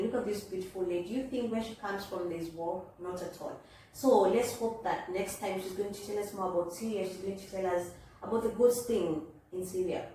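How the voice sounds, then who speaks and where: A woman hosts a casual interview in an encouraging, chatty manner, often speaking straight to viewers. Her mid-pitched voice sits away from the mic in a heavily echoing space, with faint noise. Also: warm tone. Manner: addresses viewers directly, encouraging. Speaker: interviewer, host. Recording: echoey room, distant mic, faint noise.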